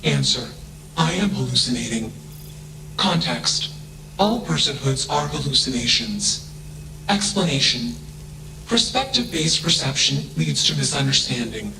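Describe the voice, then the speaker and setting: Emotionless AI, clipped and cold. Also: male voice, mid-range voice, very animated, unhurried, vocal fry, pushed and bright, heavily acted. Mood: detached. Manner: emotionless, clipped statements each announced by a label word. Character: emotionless male ship AI, cold and detached. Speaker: hostile ship AI. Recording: echoey with background noise.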